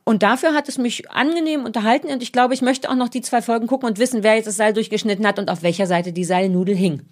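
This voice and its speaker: A woman's voice: on the high side, fast, darkish tone. A woman co-hosting a podcast in a studio, chatting casually in a blunt, joking, opinionated way. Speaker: podcast co-host. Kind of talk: casual chat. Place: recording studio. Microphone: studio mic with headphones.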